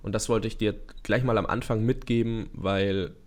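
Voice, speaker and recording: A man's voice: fairly low pitch, fairly even intonation, moderate pace. A young man, a podcast guest, talking eagerly and earnestly in long run-on thoughts with frequent fillers. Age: young adult. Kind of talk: casual interview talk.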